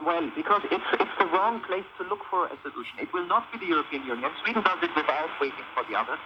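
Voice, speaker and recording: A man with a fairly high voice argues earnestly in a panel discussion, stressing his points like a policy expert. The sound comes through shortwave radio, dull and clearly noisy. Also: animated, fast talker. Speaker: interviewee, migration policy expert.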